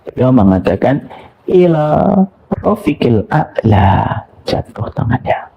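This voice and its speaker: Animated gravelly preacher. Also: male voice, on the low side. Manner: animated, drops to soft near-whispers for tender moments. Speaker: Islamic preacher. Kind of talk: lively sermon with rhetorical questions. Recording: dull lo-fi lecture recording.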